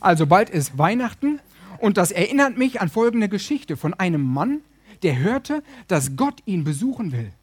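A man preaching a sermon to a congregation, telling stories in a lively way and acting out the voices of their characters. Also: high-pitched, normal speed, breathy edge. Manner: lively storyteller, acts out voices. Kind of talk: sermon with storytelling.

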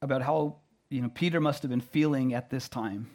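A man preaching through an interpreter, halting, repeating words and often checking in with "right?" and "you know". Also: mid-range voice, a little mellow. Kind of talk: sermon delivered through an interpreter.

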